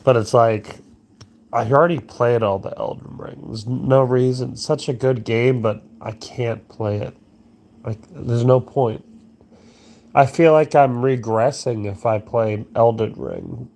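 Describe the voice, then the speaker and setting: A man's voice: medium pitch, unhurried, creaky, a little mellow. A sleepy young man rambling crudely through a late-night monologue, yawning and meandering. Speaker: streamer.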